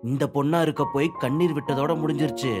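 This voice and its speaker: A man playing a soft-spoken, troubled young man who talks in a gentle, apologetic way, with soft music behind him. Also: a little high, steady tone, fast, close to an everyday voice. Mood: self-reproachful. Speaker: male lead. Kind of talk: audiobook drama acting.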